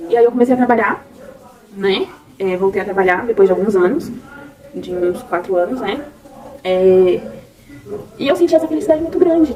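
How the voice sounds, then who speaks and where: A Brazilian woman telling a personal story in a soft, heartfelt way, often adding "né?" to her sentences. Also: fairly high pitch, far from the mic, low-quality recording. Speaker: vlogger. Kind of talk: personal testimony.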